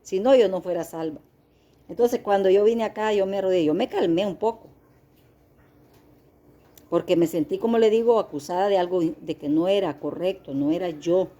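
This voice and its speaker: Middle-aged female lay preacher, soft warm voice, earnest testimony addressed to the faithful. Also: fairly low pitch, normal speed, dull audio. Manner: earnest, confessional, addresses listeners as beloved. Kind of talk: testimony-style sermon.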